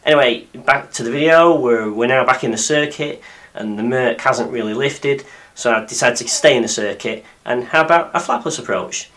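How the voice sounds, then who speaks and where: A man with a deep, croaky voice, hoarse from illness, presenting a scripted podcast narration as a pilot and host. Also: moderate pace, a bit bright. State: croaky after a week of flu-like illness.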